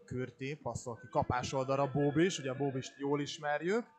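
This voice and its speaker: A man giving live play-by-play commentary on water polo. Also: medium pitch. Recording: steady pool-hall noise behind the voice. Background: indoor pool ambience.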